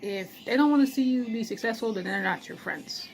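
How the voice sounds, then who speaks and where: A woman's voice: fairly high pitch, fairly quick, a little hiss or hum, low-quality recording. Blunt woman vlogging while eating. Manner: blunt, encouraging, eats while talking. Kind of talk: casual talk to camera.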